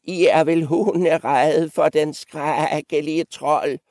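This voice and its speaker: A man's voice: fairly high pitch, steady tone, darkish tone, no echo, studio quality, pitched above the performer's own voice, natural voice. A man voicing an old male goat who teases the younger ones. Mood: teasing. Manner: teasing.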